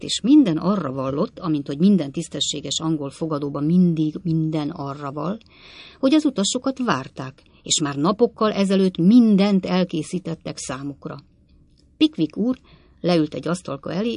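A woman narrating a classic novel as an audiobook in a measured, expressive storytelling manner, with a husky voice. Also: lowish voice, dry recording.

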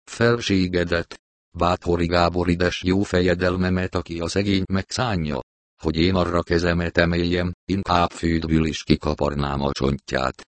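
Man doing giant loyal peasant, pleading, passionate, deep, dry sound. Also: flat delivery, dry recording, natural voice. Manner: pleading, shouting devotion.

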